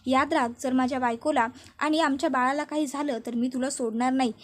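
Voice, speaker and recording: A woman reading the lines of a man urgently pleading with a captor, in her own high voice. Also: fairly even intonation, fairly quick, natural voice.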